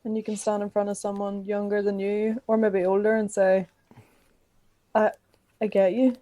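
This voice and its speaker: A woman's voice: mid-range voice, darkish tone, dry recording. A woman from Northern Ireland interviewing her podcast co-host in a chatty, rambling way, asking lots of questions. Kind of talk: casual chat interview.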